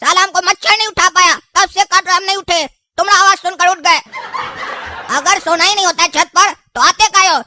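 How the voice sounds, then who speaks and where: A hot-tempered young cartoon son hurls insults, voiced by a woman. The voice is very high and piercingly bright. A faint hiss sits behind it. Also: steady tone, a little fast, heavily acted. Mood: angry. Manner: rude, shouting insults. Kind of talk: cartoon dubbing.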